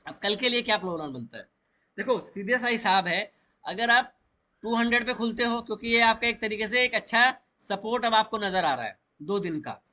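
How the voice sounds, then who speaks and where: Bright-voiced man teaching chart trading. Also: high voice, expressive, moderate pace. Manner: explains step by step, mixing English trading terms into Hindi. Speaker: stock market trading educator. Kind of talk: chart walkthrough lesson.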